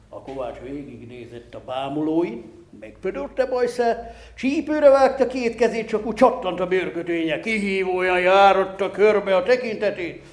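A man telling an old folk tale in a lively, folksy way with rustic, old-fashioned words. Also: high voice, echoey room. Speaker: storyteller.

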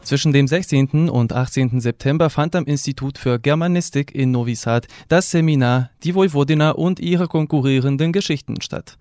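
A man presenting a scripted radio news report in a formal, even reading voice. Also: on the high side, brisk, hardly any pauses, smooth, soft background music.

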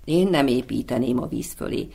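A tender little female swallow in a storybook, fond of her mate and quick to worry, as a man reads her aloud. The reading is soft and gentle. The voice is a little gravelly and sits at a middle pitch.

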